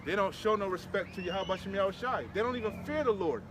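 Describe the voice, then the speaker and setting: A fast-talking man with a high voice preaches on the street, leading a scripture discussion and commenting fierily on passages read aloud. His informal delivery is emphatic and repetitive, loaded with slang. Traffic noise is clearly audible in this outdoor recording.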